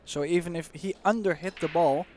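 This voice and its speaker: Male pool analyst, higher voice, explanatory. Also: fairly even intonation, a little mellow, a little hiss or hum. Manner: explanatory, measured, uses fillers like "you know". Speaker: expert co-commentator. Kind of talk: analytical sports commentary.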